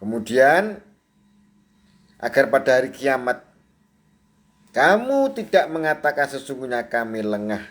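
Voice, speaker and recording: A man preaching a sermon, chatty and quick to laugh, often checking in with his audience and acting out the cries and prayers of a newborn. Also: mid-range voice, very animated, fairly bright tone. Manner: acts out a newborn's crying and prayers. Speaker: Sufi preacher.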